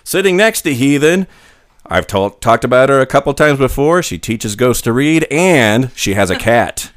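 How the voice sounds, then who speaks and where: Lively, animated male podcast host. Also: mid-range voice, moderate pace, no room sound, clean studio sound. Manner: lively, joking, animated delivery. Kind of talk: scripted podcast intro, then casual chat. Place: small room with friends.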